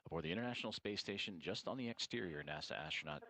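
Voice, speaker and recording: Very deep-voiced man giving live commentary. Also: expressive, quick pace, crowd noise. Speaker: live broadcast commentator from mission control.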